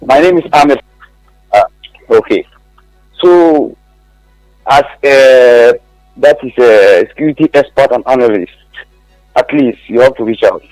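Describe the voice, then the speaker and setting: A man's voice: medium pitch, unhurried, long pauses, darkish tone, no room sound, soft background music, low-quality recording. A man calling in to a radio show, rambling and hesitant. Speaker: caller. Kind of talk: call-in comment.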